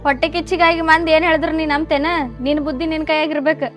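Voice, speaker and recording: A woman's voice: sits high, level tone, fairly bright tone. A woman playing a defiant village wife. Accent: North Karnataka Kannada. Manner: defiant and quick, turning fearful. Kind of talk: village short-film drama acting. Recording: film soundtrack with background music.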